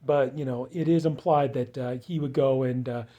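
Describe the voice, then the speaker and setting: A man's voice: mid-range voice, fairly even intonation, moderate pace, warm tone. A man giving a casual spoken movie review, rambling with many fillers and restarts. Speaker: film reviewer.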